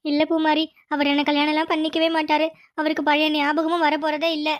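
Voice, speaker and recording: A woman's voice: high-pitched, completely flat delivery, fast talker, no room sound, clean studio sound, natural voice. A woman voicing a tearful, lovesick young snake-woman in a cartoon, pleading and plaintive.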